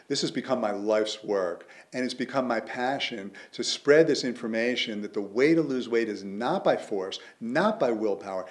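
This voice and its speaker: An author promoting his method delivers a scripted promotional pitch. He sounds earnest and persuasive.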